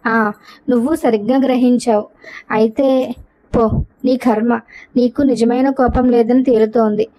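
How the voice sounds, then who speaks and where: A woman's voice: on the high side, fairly even intonation, a little slow, dark tone, close to an everyday voice. A woman doing a teasing older brother. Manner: teasing, blunt. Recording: dull lo-fi recording.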